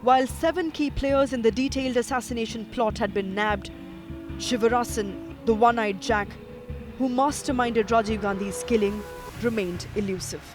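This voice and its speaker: A man reading a scripted news documentary narration in a measured, even way. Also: extremely high pitch. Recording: voice-over with music behind.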